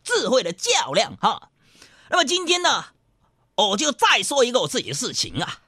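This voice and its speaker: A man's voice: very high-pitched, huge pitch swings, normal speed, bright, forceful tone, husky, no echo, studio quality. A male comedy show host delivering a playful, mimicking stand-up monologue.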